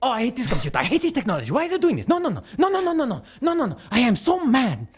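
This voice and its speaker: Shrill panicky mom, as a man puts her on. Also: huge pitch swings, racing, husky, soft background music, exaggerated voice. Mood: panicked. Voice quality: shrill and squawking. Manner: panicky, every line climbing into loud squeals. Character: frantic middle-aged mother baffled by computers.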